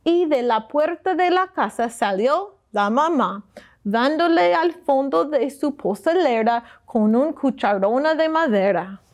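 A woman's voice: sits high, lively intonation. A woman librarian reading a picture book aloud at a children's storytime. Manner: slow, clear read-aloud for children.

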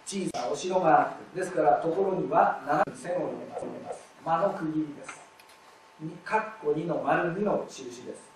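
A man giving a live lecture on expressive reading, explaining step by step and demonstrating readings aloud. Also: fairly high pitch, normal speed, background noise. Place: lecture hall at a festival event. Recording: very echoey hall, distant mic.

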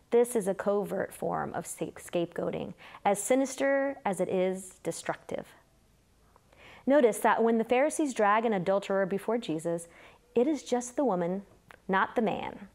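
A woman's voice: medium pitch, a little mellow. Earnest middle-aged woman preaching. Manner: measured, earnest delivery. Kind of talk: sermon. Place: small dark studio, seated at a table.

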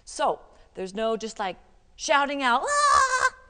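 Animated woman teaching children's yoga. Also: a little high, normal speed, long reverb tail. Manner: animated, coaxing, sprinkles in Spanish words. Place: public library room, live audience.

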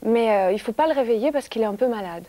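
A woman voicing a calm, polite twelve-year-old farm girl who speaks gently and without fear. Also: on the high side, quick pace, lightly acted. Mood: gentle. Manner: gentle and unafraid.

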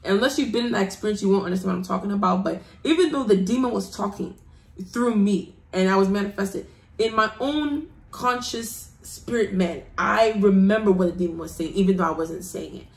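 A woman's voice: medium pitch, fairly quick, gravelly. A woman from the United Kingdom giving an earnest personal testimony, urging listeners with a preaching emphasis. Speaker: testimony guest. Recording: roomy echo.

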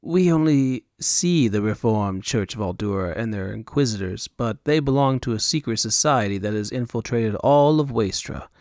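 A man voicing a nervous male militiaman guard who talks in a hushed, wary way, in a storybook audiobook. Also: medium pitch, expressive, normal speed, hardly any pauses, no echo, studio quality, natural voice.

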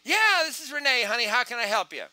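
A man's voice: extremely high pitch, very animated, quick pace, bright, forceful tone, dry recording, voice pushed up, heavily acted. A man voicing a friendly, chatty woman bank teller on the phone who talks in a folksy way and calls people honey. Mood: chirpy.

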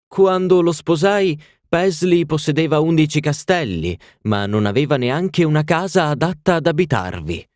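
A man voicing an elderly society duchess, smug and complacent, with a raised and drawn-out delivery. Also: expressive, a little mellow, no echo, studio quality, close to an everyday voice. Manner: raised pitch, drawn-out phrasing. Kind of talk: audiobook reading.

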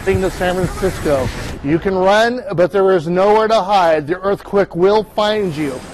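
A man's voice: high voice, unhurried, darkish tone, a little hiss or hum, poor audio. A man reviewing movies as a film critic on a TV news segment, chatty and wry. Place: TV news studio.

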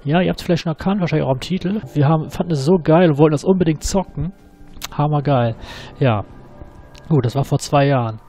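Male let's-play host, a bit high, excitable and swears freely, faint music behind. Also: brisk. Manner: excitable, swears often, slangy. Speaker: gaming channel host.

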